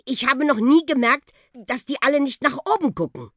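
A woman's voice: high voice, moderate pace, a bit bright, no room sound, studio quality, voice pushed up. A woman voicing a shy, curious young boy in a children's audiobook. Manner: timid, stammering, curious.

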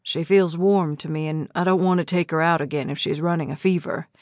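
A woman voicing a worried man, a father and fiancé, speaking low and urgently in a husky tone for an audiobook. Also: steady tone, a little fast, a little mellow, dry recording, lightly acted. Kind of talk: audiobook character voice. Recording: dry close studio sound.

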